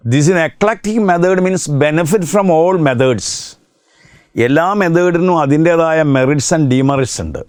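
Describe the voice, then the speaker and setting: A man with a Malayali accent teaching an exam prep lecture, dictating points slowly and then explaining fast, asking questions and answering them himself. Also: on the high side, clean tone, dry recording, studio quality. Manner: switches between slow dictated English points and rapid explanation.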